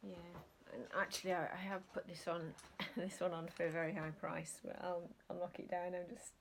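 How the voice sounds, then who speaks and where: A woman with a low, gravelly voice rambles through a casual home vlog, pausing often with ums and restarts. A faint hum of background noise sits under her voice. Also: little pitch movement. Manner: rambling, hesitant with many ums. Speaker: reseller vlogger. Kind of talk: casual chat.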